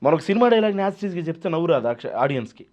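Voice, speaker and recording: A man's voice: fairly high pitch, sing-song, rapid-fire, a little mellow. A man, a mimicry artist, chatting casually in an interview and dropping in English phrases. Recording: slightly dull lo-fi sound.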